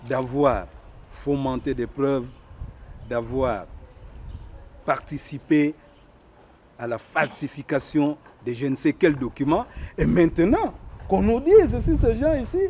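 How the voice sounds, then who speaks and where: A man's voice: sits high, darkish tone, a little hiss or hum. A man speaking as a government official at a press statement, indignant and emphatic. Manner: indignant, emphatic, rising and falling sharply.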